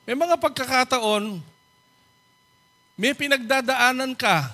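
A man's voice: very high voice, animated, slow pace, sharp tone. A man preaching as a pastor, telling a personal testimony in a polite storytelling manner and acting out the voices of the people in it. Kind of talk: sermon testimony.

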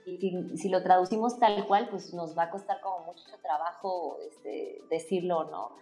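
A woman's voice: lowish voice, moderate pace, dark tone. A woman talks in an easygoing, thoughtful way, leaning on small fillers as she thinks aloud. Her voice sits in an echoey room, with faint music underneath. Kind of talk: casual chat about language.

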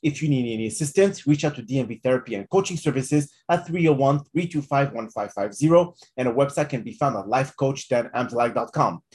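A man hosting his own podcast, introducing himself and asking a guest questions in a measured, encouraging way. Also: mid-range voice, expressive, darkish tone. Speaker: podcast host, psychotherapist.

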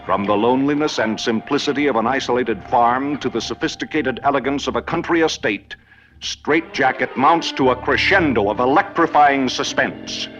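A man's voice: mid-range voice, moderate pace. A man narrating a 1960s film trailer in an ominous, theatrical announcer style. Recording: dull old film trailer, loud music.

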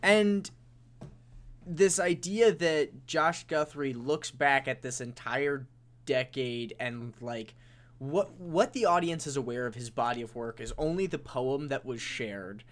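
A man's voice: medium pitch, measured pace. A young man co-hosting a casual podcast, rambling and hedging as he restarts his thoughts while discussing an episode. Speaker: podcast co-host. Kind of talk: casual chat reviewing an audio drama episode.

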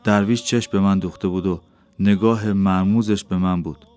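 A man reading an audiobook as a first-person narrator, measured and unhurried. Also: sits low, fairly even intonation, darkish tone. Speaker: audiobook reader. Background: faint background music.

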